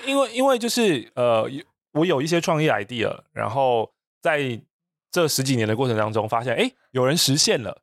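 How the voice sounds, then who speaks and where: A man's voice: mid-range voice, big pitch swings, normal speed, no room sound. A man talking as a podcast guest in casual chat, thoughtful and a little hesitant, laughing now and then. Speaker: podcast guest, voice business founder.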